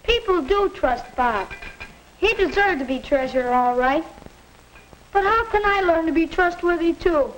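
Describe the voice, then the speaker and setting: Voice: very high-pitched, lively intonation, unhurried, fairly bright tone, exaggerated voice. A young performer playing an earnest, plainspoken American schoolboy in a 1950s instructional film. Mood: earnest, resolved. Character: earnest young schoolboy questioning his father. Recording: noisy vintage 1950s film soundtrack.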